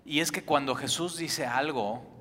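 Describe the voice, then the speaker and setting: A man preaching a sermon as pastor, shifting between loud emphatic lines and hushed ones. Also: on the high side, unhurried. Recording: long reverb of a large hall.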